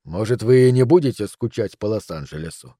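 A man voicing a sharp detective who teases his colleagues in a dry, plain voice. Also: on the low side, animated, brisk, dry recording. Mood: teasing. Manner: dry teasing. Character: male detective, sharp, teasing, young adult.

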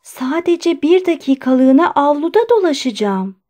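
A woman reading the part of a frightened aging doctor, his voice pushed high and shaky as he begs to be let out. He sounds strained and loud, close to breaking, in a storybook reading. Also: expressive, unhurried. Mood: desperate pleading.

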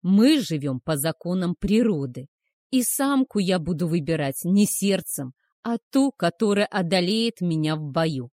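A woman voicing a cruel, brooding male werewolf hunter who speaks harshly and loudly. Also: lowish voice, animated, measured pace, no echo, studio quality. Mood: menacing. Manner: harsh, menacing, loud.

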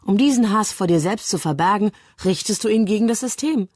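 Woman reading a sharp, skeptical young sister. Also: medium pitch, lively intonation, a little fast, slightly rough, no echo, studio quality, pitched above the performer's own voice. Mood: cutting.

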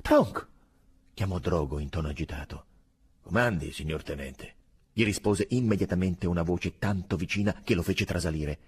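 A man with a husky voice narrating a novel as an audiobook, expressive and dramatic. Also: deep voice, brisk, few pauses. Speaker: audiobook reader.

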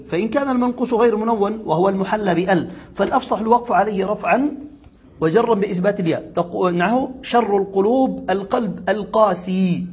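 A man leads a grammar lesson in a classroom, reading a passage and then working through it with his students. His voice sits high and sounds husky. The recording is dull and lo-fi. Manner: reads a passage, then explains it slowly with questions to students. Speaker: Arabic grammar teacher. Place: classroom or study circle.

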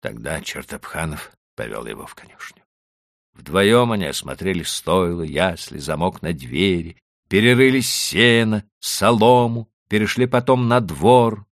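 A man narrating a classic short story for an audiobook in an expressive storytelling manner. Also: deep voice, unhurried, gravelly, no echo, clean studio sound. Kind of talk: scripted narration.

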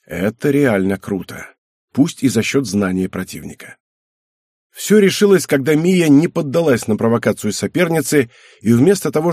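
Husky male audiobook narrator. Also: mid-range voice, darkish tone, no echo, clean studio sound. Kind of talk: scripted narration.

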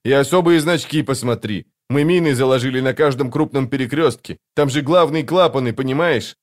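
A man voicing a tense male assassin who barks loud, urgent warnings in an audiobook. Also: medium pitch, fairly quick, pitched above the performer's own voice, natural voice. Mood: urgent shouting. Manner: loud barking commands.

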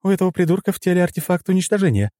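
A female AI assistant gives flat, clipped reports, as a male narrator puts her on in falsetto. The voice is lifted high above his own, and the recording is dry. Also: rapid-fire, no echo. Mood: alarmed.

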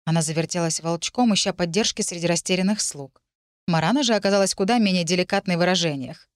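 A woman narrating a first-person audiobook in an expressive, wry manner, close on the mic. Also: lowish voice, fast talker, no room sound.

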